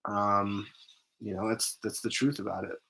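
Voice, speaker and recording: A man's voice: fairly low pitch, little pitch movement, unhurried, bright, forceful tone. A man hosting a casual game stream for his movie channel, rambling with lots of ums and restarts and sounding tired. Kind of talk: casual gaming stream chat.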